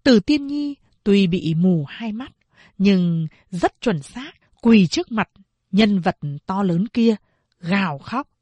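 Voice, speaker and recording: A woman narrating a novel in slow, measured storytelling. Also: medium pitch, lively intonation, dark tone, husky, no echo. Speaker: audiobook narrator.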